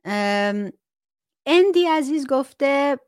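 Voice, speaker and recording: A woman with a slightly high voice hosts a casual live chat, reading viewer comments aloud and laughing along. She talks in an easy, conversational way, close to the mic in a dry, dead room with little reflection. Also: lively intonation, darkish tone, no room sound. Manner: chatty, laughs often, mock-strict imitations. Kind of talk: casual chat about self-awareness.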